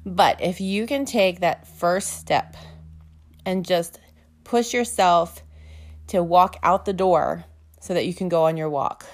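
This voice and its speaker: A woman's voice: fairly low pitch, slow pace. A young woman hosting a casual motivational talk, earnest and chatty, with many fillers and restarts, slightly out of breath. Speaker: host.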